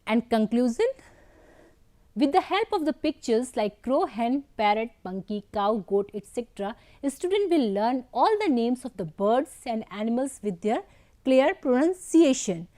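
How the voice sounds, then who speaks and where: A woman teacher, giving a slow English lesson to young children, spelling out words and praising often. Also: fairly high pitch, sing-song, mellow. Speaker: primary school English teacher.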